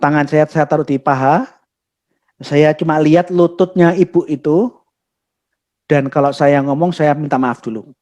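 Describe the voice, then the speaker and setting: A woman's voice: deep voice, moderate pace, long pauses. Young woman going off in a webinar talk, blunt n scornful, tells stories too. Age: young adult. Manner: storytelling, with soft acted-out quotes. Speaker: speaker at a theology webinar. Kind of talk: heated teaching talk.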